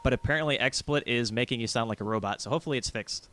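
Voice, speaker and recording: Fast, bright-voiced male game caster. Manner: rapid, gets loud and high during team fights. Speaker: esports caster. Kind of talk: play-by-play commentary.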